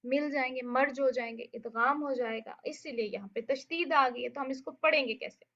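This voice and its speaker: A woman with a fairly high voice teaches Quran recitation, walking through each rule patiently and checking in with her students. She slows down to recite the Arabic words and show each sound. The recording sounds dull and lo-fi. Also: a bit bright. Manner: patient, explains step by step with check-ins. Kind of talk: online lesson.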